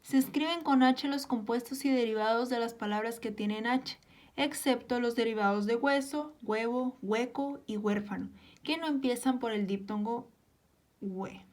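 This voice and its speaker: In a fairly high, slightly mellow voice, a woman slowly reads out spelling and accent rules. She lists example words one at a time, careful and measured.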